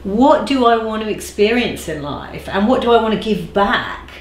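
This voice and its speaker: A woman in her forties, a guest in an interview, speaking thoughtfully and slowing down to stress key phrases. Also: mid-range voice, expressive. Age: 40s. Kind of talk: reflective conversational interview. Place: bright living room, seated on a sofa. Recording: roomy echo.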